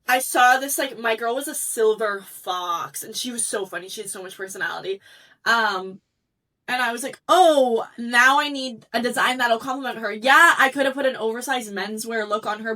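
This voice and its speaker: Bubbly, bright-voiced young woman. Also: on the high side, normal speed, distant mic. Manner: bubbly, animated storytelling, acts out quotes. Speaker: eliminated fashion designer guest. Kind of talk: casual interview chat.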